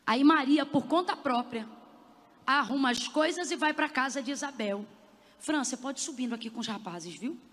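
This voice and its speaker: A woman preaching a passionate sermon at a conference, rising into fervent shouts as she exhorts the crowd. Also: high-pitched. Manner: impassioned, building to shouts. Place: conference hall. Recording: long hall reverb.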